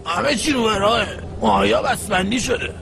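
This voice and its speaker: A man's voice: high-pitched, creaky, a bit bright, a little hiss or hum. A man dubbing a henchman who reassures his boss that everything is under control, in a TV drama. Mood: reporting. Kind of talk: dubbed TV drama.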